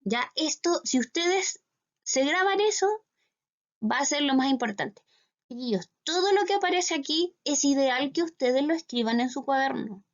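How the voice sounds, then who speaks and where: A woman's voice: high-pitched, lively intonation, normal speed, dull audio. A Chilean woman teaching English to schoolchildren in a recorded class, explaining step by step and often checking with "¿cierto?". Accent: Chilean Spanish.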